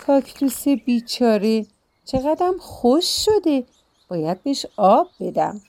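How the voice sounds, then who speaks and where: A woman's voice: fairly high pitch, very animated, dark tone, pitched above the performer's own voice. A woman voicing a flustered, motherly older housewife who exclaims and frets in a children's story. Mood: tender.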